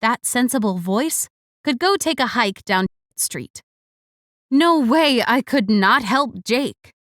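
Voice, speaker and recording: A woman narrating a first-person romance audiobook with an expressive, wry delivery. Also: on the high side, takes it slowly, no echo, clean studio sound. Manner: expressive, wry inner monologue.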